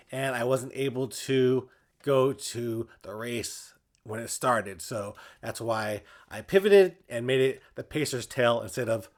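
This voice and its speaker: A man chatting casually to his viewers as a running vlogger. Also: medium pitch. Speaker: running vlogger and channel host.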